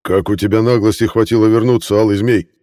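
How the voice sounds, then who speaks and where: A werewolf knight snarls threats and orders in a loud, rough voice, as a man reads him aloud. The tone is dark under all the force. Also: lowish voice, fairly even intonation, fast talker, close to an everyday voice. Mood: furious. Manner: growling, loud, contemptuous. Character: harsh werewolf knight, commander of guards. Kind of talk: audiobook character voice.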